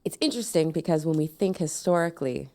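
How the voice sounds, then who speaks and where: A woman hosts a podcast interview with a very low voice. Her tone is dark and mellow, and she asks questions softly and with curiosity. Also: fast talker. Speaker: podcast host.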